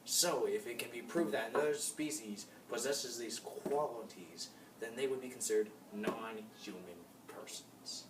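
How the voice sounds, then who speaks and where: A young man playing a calm male moral philosopher in a class-project mock debate, reading his lines a bit stiffly with some hesitations. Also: medium pitch, a little slow, hardly any pauses, close to an everyday voice. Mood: plain. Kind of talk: amateur class-project role-play. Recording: echoey room, mic far off, noisy.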